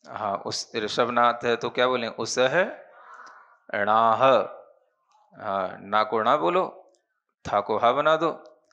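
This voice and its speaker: A man's voice: medium pitch, creaky, pushed and bright, lo-fi sound. A man teaching a Prakrit grammar class, patient and explanatory, often checking with his students that they follow. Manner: slow, patient, checks understanding with "है ना?". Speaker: Jain monk teaching Prakrit.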